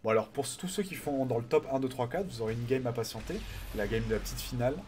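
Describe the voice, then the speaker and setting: A man casting a live online game tournament, chatty and excitable, greeting viewers and swearing casually. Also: mid-range voice, quick pace, slight background noise. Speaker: tournament caster and streamer.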